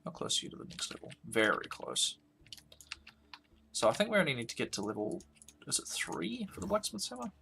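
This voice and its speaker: Sleepy, gravelly man narrating gameplay. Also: fairly high pitch, very animated, brisk, bright, forceful tone. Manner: chatty, thinking aloud. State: sleepy, yawning. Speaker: let's play host. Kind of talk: casual gameplay commentary.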